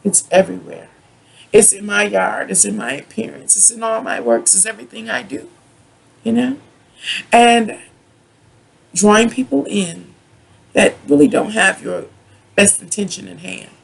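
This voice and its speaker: A person from the United States giving a rambling, drunken tarot reading as a monologue, halting, drawing out words and repeating points in a raspy voice. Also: mid-range voice. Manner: self-described drunken ranting, halting with drawn-out words and repetition. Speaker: tarot and astrology reader.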